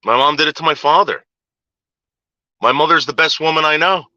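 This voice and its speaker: A man's voice: fairly high pitch, fairly quick, pushed and bright, dry recording, dull audio. A man ranting on a casual livestream, talking back to chat, profane and repetitive with frequent restarts. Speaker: livestream host reading chat.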